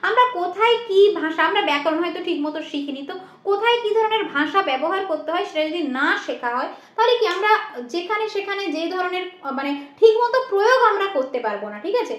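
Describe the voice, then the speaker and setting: A woman's voice: very high-pitched, reverberant. A woman from West Bengal teaching an exam-prep lecture, explaining with rhetorical questions and frequent checks like "right?".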